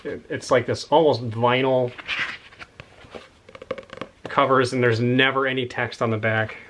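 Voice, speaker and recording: A man's voice: medium pitch, steady tone, measured pace, a bit bright, a little hiss or hum. A man in a casual, rambling chat about books he has found, enthusiastic and a little out of breath. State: slightly out of breath. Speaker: book collector showing a haul.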